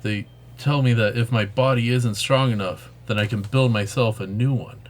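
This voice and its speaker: A man reading out the dark journal entries of an obsessed young woman in a game, in a plain reading voice. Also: mid-range voice, steady tone, moderate pace, natural voice. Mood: ominous.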